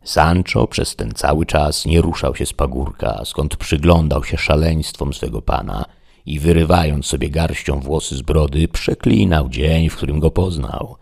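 A man narrating a classic novel as an audiobook in a measured, even reading. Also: very deep voice, creaky.

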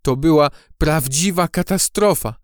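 A man's voice: a little high, a little slow, dry recording, studio quality, pitched above the performer's own voice, lightly acted. A man voicing a small, flustered male dung beetle in a storybook audiobook, talking in a panicky way. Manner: panicky, shouting.

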